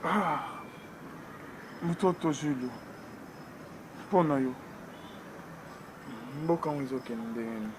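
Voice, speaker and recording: A man hosts a talk show, putting short questions to his guest. His voice sits a little high. Steady noise hums behind him and he sounds off-mic. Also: takes it slowly, pauses often. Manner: brief questions and prompts. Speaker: host.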